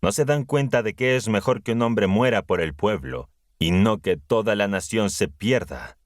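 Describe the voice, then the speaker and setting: Caiaphas, a scornful high priest, read by a man. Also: animated, normal speed, no room sound, studio quality, lightly acted. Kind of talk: scripted Bible audiobook reading.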